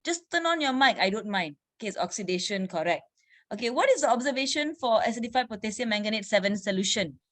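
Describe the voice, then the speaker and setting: A woman chemistry teacher running an online revision class, quizzing students briskly and saying "okay" often. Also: fairly high pitch, animated.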